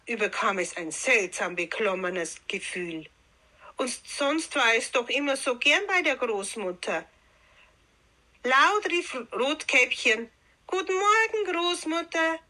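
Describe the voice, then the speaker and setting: A woman reading a fairy tale aloud in a calm, unhurried storytelling manner. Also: mid-range voice.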